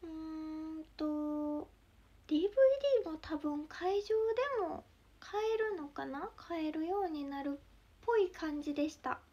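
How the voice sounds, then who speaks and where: High-voiced young woman with a Mie accent. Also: moderate pace. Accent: Mie dialect. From Mie Prefecture, Japan. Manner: chatty, giggly, drifts into soft whispers. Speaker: idol livestreamer. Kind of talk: casual livestream chat.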